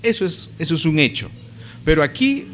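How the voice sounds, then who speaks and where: Male pastor, sermon delivery: slightly high voice that swings widely in pitch, emphatic, keeps putting rhetorical questions to the congregation. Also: very animated, brisk, fairly bright tone, slight background noise. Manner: addresses listeners as brothers.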